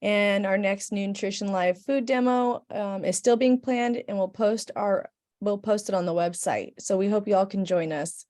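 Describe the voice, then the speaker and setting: A woman's voice: medium pitch, normal speed, darkish tone. Woman giving closing announcements. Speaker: event organizer.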